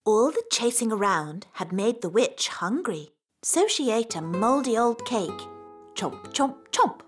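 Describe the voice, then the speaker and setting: A woman voicing a gentle fairy queen and mother in a cartoon, telling a story with expressive sound effects. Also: fairly high pitch, unhurried, slightly rough, soft background music, exaggerated voice. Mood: storytelling.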